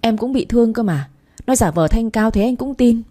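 A woman's voice: medium pitch, moderate pace, warm tone, lightly acted. A woman voicing a spiteful, scheming young woman who curses and whines. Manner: abusive, whining.

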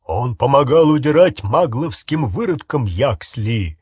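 A man voicing a young wizard disguised as a powerful official, talking with booming authority. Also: unhurried, slightly rough, dry recording. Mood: accusing. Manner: commanding, booming.

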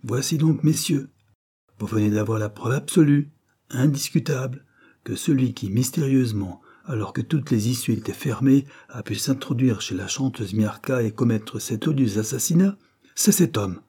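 A grave, commanding male accuser, as a narrator puts him on, pitched a little above the reader's low, husky voice. He declaims each word solemnly, as if to a room of gentlemen. It has the formal weight of a storybook reading. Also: normal speed. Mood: accusing.

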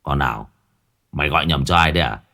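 A man's voice: low voice, sing-song, brisk, a bit bright, pitched below the performer's own voice. A man voicing a drunk, foul-mouthed, bitter deadbeat husband with a slurred, grumbling voice. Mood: drunken grumbling.

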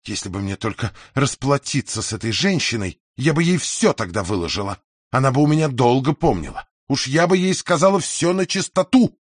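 A man's voice: mid-range voice, animated, brisk, slightly rough, no echo, clean studio sound. A man voicing a down-on-her-luck aging female singer in an audiobook, huffy and grumbling to herself. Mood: furious. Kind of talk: audiobook character voice.

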